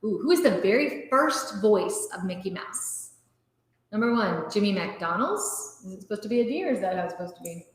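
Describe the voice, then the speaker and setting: A woman's voice: medium pitch, animated, moderate pace. Chatty woman hosting trivia, echoey room. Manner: chatty, reads quiz questions aloud. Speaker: trivia night host. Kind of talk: casual livestream chat. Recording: very echoey room with long reverb.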